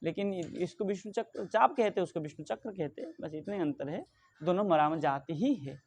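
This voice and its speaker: A middle-aged man teaching Sanskrit grammar, asking questions and answering them himself, reciting the rules slowly. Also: sits high, slight background noise. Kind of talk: explaining grammar rules in a lesson.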